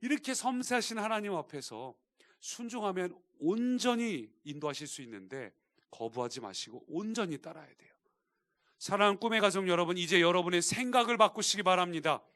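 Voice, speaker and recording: A male pastor preaching a sermon, shifting between quiet explanation and emphatic appeals to the congregation. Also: high-pitched, expressive, brisk. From Korea. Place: church sanctuary.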